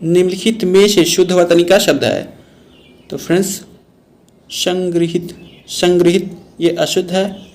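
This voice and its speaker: Male Hindi teacher, raised gravelly voice, repeats each word while explaining spelling for exam prep. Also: sits high, measured pace, long pauses, darkish tone. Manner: explains word by word, repeats terms, calls viewers "friends".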